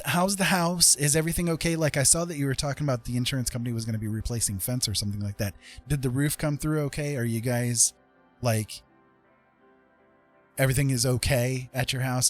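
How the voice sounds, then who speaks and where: Faint music plays behind this livestream host as he chats casually and rambles conversationally with his viewers. He speaks a little fast, in a mid-range voice with fairly even intonation.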